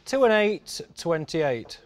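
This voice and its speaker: High-pitched male bingo caller, slow delivery. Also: sing-song. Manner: sing-song, repetitive number announcing. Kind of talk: televised bingo calling with rhyming number patter. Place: TV studio.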